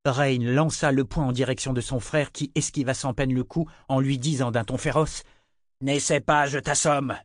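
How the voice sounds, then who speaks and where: A man narrating a novel in an even storytelling delivery. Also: medium pitch, moderate pace, hardly any pauses, no room sound, studio quality. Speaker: audiobook narrator.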